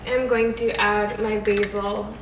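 This time the voice is mid-range, fairly flat in pitch, and slow, with background noise present. A twenty-something woman who hosts a home cooking series chats informally in her kitchen while cooking and speaks lovingly to her pets. Music plays, and the room is echoey.

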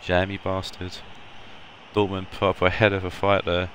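A hoarse man, excitedly calling a video game penalty shootout as a streamer hosting a tournament. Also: low-pitched, moderate pace, a little hiss or hum.

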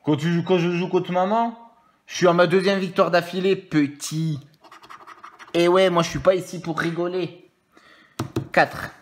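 A man's voice: high voice, fairly even intonation, measured pace, long pauses. A man giving casual live commentary as a scratch-card streamer, playful and jokey, counting numbers aloud and chatting with his viewers.

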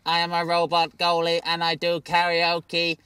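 A man's voice: on the high side, completely flat delivery, normal speed, noisy background, lightly acted. A man putting on a robot voice as a boastful male robot goalie who buzzes and does karaoke, in a children's comedy sketch. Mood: robotic boasting. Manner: robot voice with buzzing "zzz" noises.

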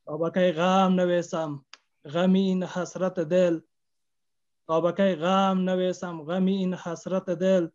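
Man, poet, slow impassioned declamation, repeats lines, fairly high voice, dull call audio. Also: darkish tone. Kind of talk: declaiming poetry.

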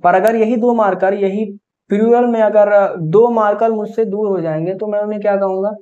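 A male teacher giving a grammar lesson for exam students, explaining step by step and slowing down to spell out example sentences. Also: sits high, fairly even intonation, warm tone, muffled recording.

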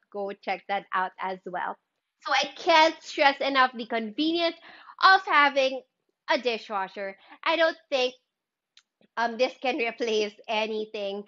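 Filipino woman in her thirties, livestream presenter: slow, bubbly sales chat, higher voice, slightly dull recording. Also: a bit bright. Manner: slow, enthusiastic, mixes in Tagalog. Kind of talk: live sales demo chat.

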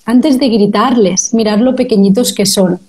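A woman's voice: fairly high pitch, moderate pace, a little mellow. A woman hosting a live parenting chat, talking conversationally to parents in the audience. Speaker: host of live parenting stream.

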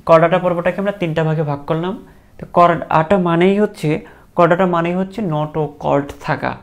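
A man teaching a biology class, patiently quizzing students and repeating terms slowly so they can echo them. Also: a little high. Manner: patient, encouraging. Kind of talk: classroom lecture.

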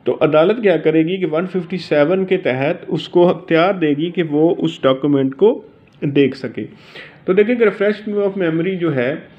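A law teacher with a Pakistani accent gives an informal lesson, reading aloud and explaining in a halting manner. His voice is a little high, and the recording's high frequencies are cut off.

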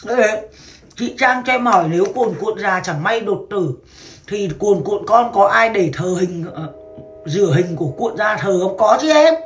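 A woman's voice: mid-range voice, normal speed. A woman from Vietnam in her thirties, chatting brashly and crudely on a casual livestream and laughing often. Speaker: livestream seller.

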